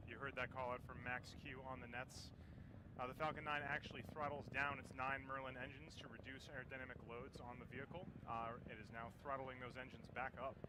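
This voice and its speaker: A man's voice: medium pitch, level tone, brisk. A man hosting a live launch webcast, explaining each technical step as commentary. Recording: clear urban background noise. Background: cheering at company headquarters.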